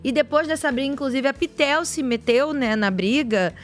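Chatty, playful talk-show hostess. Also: female voice, high-pitched, expressive, normal speed. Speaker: host. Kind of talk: casual talk-show hosting.

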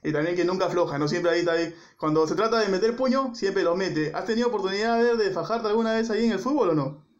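A male interviewer prompts his guest and adds quick agreements. His voice is notably high. The sound is a little dull. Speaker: interviewer host. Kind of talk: casual sports interview.

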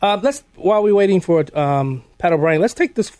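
A man's voice: high voice, animated, a little fast, darkish tone, no room sound. An American man hosting a conversational live talk radio show from a studio.

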